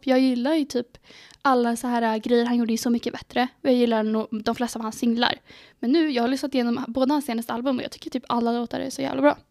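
A teenage girl co-hosting a podcast in casual chat, telling stories excitedly and acting out her own reactions. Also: fairly high pitch. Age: teens. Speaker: podcast co-host.

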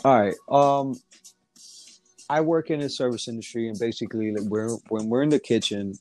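A man chatting loosely on a podcast in a mid-pitched voice. He rambles, circles back with fillers and restarts, and swears freely. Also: normal speed, darkish tone, soft background music. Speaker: guest rapper. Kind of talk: casual podcast chat.

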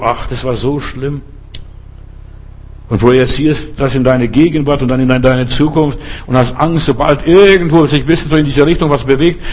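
A man's voice: medium pitch, darkish tone. A male preacher giving a sermon, emphatic and repetitive, speaking straight to the listener and often restarting words.

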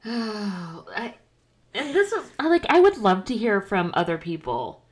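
A woman's voice: medium pitch, wildly swooping pitch, unhurried. A woman in her thirties chats casually as a co-host. She rambles a little, full of fillers, and pokes fun at herself. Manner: chatty, filler-heavy, self-deprecating. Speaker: podcast co-host. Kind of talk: casual chat.

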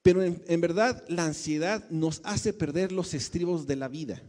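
Male pastor, a bit high-voiced, chatty sermon delivery with questions to the congregation, long hall reverb. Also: moderate pace, a little mellow. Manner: conversational, asks the congregation questions.

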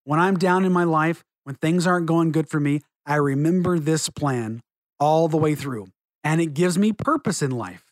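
A middle-aged man giving an earnest religious testimony and teaching, measured and slowing down for emphasis. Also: fairly high pitch, dry recording.

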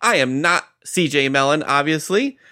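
A man's voice: on the high side, lively intonation, moderate pace, sharp tone. A man moderating a casual podcast, introducing topics with banter.

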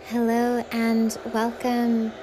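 A woman's voice: fairly high pitch, monotone, slow, warm tone, a little hiss or hum, poor audio. A woman leading a guided meditation in a soothing, hypnotic way, with lulling, repetitive phrasing. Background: faint music.

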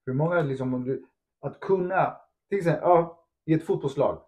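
A man talking as a podcast co-host and football coach in casual chat, acting out quotes and tossing in English phrases. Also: a little high. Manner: animated, acts out quotes, mixes in English phrases; asks "förstår du?" often.

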